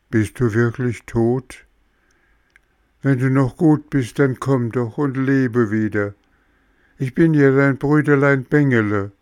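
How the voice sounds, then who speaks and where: A man doing a high sobbing Pinocchio. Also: vocal fry, darkish tone, no room sound, studio quality. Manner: sobbing, pleading. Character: wooden puppet boy, tearful and remorseful.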